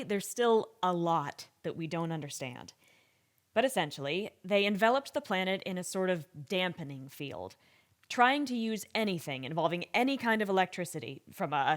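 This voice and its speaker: In an audio drama, a woman at medium pitch plays a wry, candid government scientist, lightly acted. She gives conversational interview testimony punctuated by deliberate pauses.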